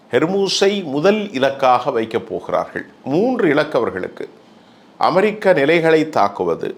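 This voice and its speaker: A male journalist delivers news analysis in a slow, measured cadence. His somewhat high voice swings widely in pitch as he stresses each point and runs through long lists emphatically. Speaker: journalist commentator.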